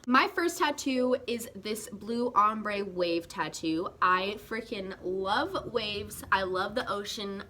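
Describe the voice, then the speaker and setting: A young Californian woman vlogs casually to the camera at a medium pitch, animated and sprinkling her speech with "like" and "guys."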